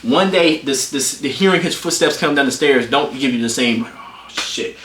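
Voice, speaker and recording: A young man in his twenties, a streamer, telling a story in a casual, animated way, swearing freely, his voice jumping high when he gets worked up. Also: moderate pace, a little hiss or hum. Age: 20s. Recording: roomy echo.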